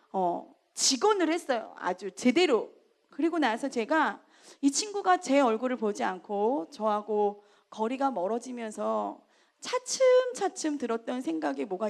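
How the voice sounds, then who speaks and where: A woman evangelist telling a story in a sermon, acting out scolding lines in loud, lively bursts. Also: sits high, gravelly. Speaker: evangelist preaching.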